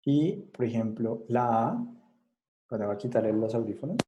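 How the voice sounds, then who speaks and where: A man giving an online class lecture over a video call. He talks haltingly, with many fillers and restarts, and often checks in with short questions. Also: mid-range voice, lively intonation, noisy background. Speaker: psychology lecturer.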